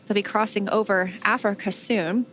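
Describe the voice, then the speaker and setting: A woman's voice: mid-range voice, steady tone, normal speed, fairly bright tone, slight background noise. A woman giving conversational, explanatory live commentary as a space mission broadcast host.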